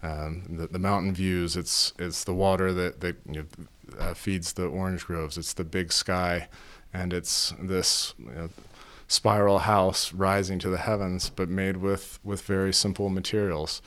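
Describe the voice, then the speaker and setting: A man answering interview questions earnestly, halting and restarting often. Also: low voice, little pitch movement, fairly bright tone. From Phoenix, Arizona. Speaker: house owner, interviewee.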